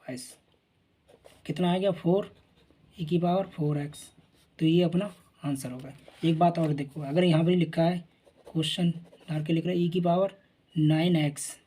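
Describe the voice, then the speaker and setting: A male teacher walks through a math lesson in a husky, slightly breathy voice. His tone is mellow and dark, and he keeps checking in with listeners as he works. He asks himself questions and answers them in a patient, repetitive rhythm. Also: fairly high pitch, steady tone, normal speed, pauses often. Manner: repeats "theek hai na", asks and answers his own questions. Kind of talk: explaining at a board.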